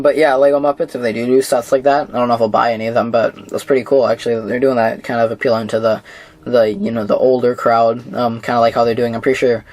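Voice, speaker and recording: A man's voice: medium pitch, a little mellow. Rambling young man, chatty Q&A vlog. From Minnesota. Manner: rambling, many fillers and restarts, chuckles at himself. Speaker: vlogger answering viewer questions. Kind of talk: casual Q&A monologue.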